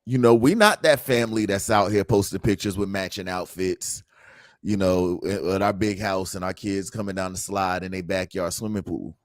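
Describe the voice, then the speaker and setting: A man with a very low, deep voice hosts a casual livestream chat, speaking earnestly and reflectively. The sound is dry and close, with no room echo. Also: steady tone, moderate pace. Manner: earnest, reflective, reads live comments aloud. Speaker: host.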